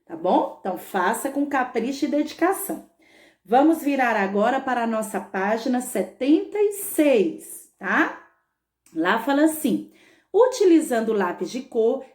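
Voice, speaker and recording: A schoolteacher giving a patient remote lesson to young pupils, drawing out words and checking in often. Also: female voice, fairly high pitch, a little mellow. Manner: patient, stretches words, frequent "tá bom?" check-ins. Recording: echoey room.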